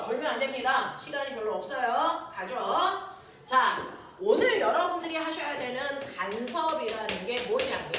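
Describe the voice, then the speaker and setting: Woman, science teacher, classroom lecture, animated, wide-ranging pitch, distant echoey room. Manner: animated, keeps checking in with students. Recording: echoey room from far off, faint noise.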